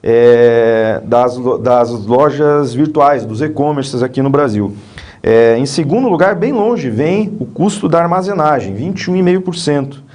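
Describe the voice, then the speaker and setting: A man's voice: mid-range voice, animated, measured pace, darkish tone. A male professor with a Brazilian Portuguese accent, reading out statistics and passing questions in a live online class. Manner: reads out figures and hands questions to colleague. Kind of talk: live online lecture chat.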